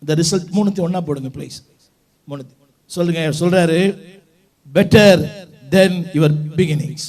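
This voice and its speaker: A man's voice: a little high, unhurried, long pauses, darkish tone. A man with a Tamil accent preaching as a pastor, urging the congregation to repeat words after him and mixing English phrases into his preaching. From South India. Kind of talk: call-and-response sermon. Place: church hall with a congregation.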